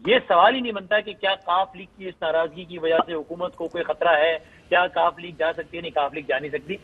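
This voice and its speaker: Husky man on a tinny phone line. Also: on the high side, fairly even intonation. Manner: measured, explanatory, builds his point step by step. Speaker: analyst guest. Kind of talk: talk-show analysis by phone. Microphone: phone call.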